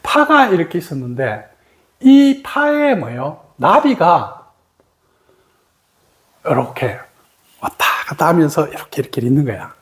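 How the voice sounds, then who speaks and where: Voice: medium pitch, a little slow, pauses often. A middle-aged meditation teacher giving a dharma talk to students, telling stories animatedly and often stopping to ask the listeners a rhetorical question. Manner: animated storyteller, keeps asking rhetorical questions.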